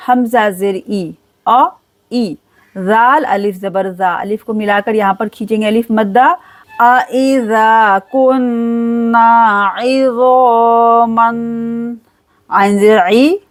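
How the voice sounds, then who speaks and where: A woman teaching Quran recitation step by step, spelling out letters and then reciting each word slowly and drawn out. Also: medium pitch.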